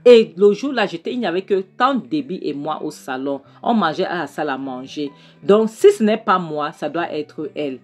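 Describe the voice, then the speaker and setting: A defiant young woman in a film recap, put on by a woman narrator speaks curtly and firmly, lecturing as she warns her aunt off. The voice stays low and deep, and soft music runs beneath it. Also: animated, moderate pace. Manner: curt, firm, lecturing.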